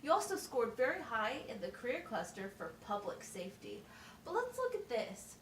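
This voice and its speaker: A woman voices a puppet-show teacher, a patient and encouraging special education instructor at a wizard school, speaking at a fairly high pitch and normal speed. Her animated, encouraging delivery walks through things step by step with simple explanations and questions in this amateur puppet performance. The recording sounds echoey and distant, with faint background noise.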